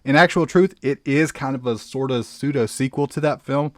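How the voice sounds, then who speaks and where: A man's voice: medium pitch, moderate pace, no echo, clean studio sound. A man hosting a comedic film review, exclamatory and sarcastic as he narrates.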